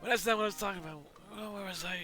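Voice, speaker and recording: A man's voice: high-pitched, rapid-fire, over music, pitched above the performer's own voice, natural voice. A man voicing a forgetful old male turtle who rambles and keeps losing his train of thought. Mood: rambling.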